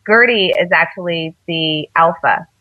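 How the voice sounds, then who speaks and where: Lowish and a little slow, a woman's voice comes through narrow, tinny, dry audio. She's a radio interview guest spinning casual stories in a meandering way, with frequent fillers and restarts.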